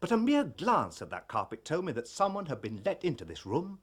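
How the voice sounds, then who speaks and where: Lestrade, high-pitched blustering inspector. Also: male voice, wildly swooping pitch, fairly quick, slightly rough, full character voice. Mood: pompous, stern. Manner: pompous, barking. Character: blustering, self-important male police inspector. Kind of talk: period detective drama acting.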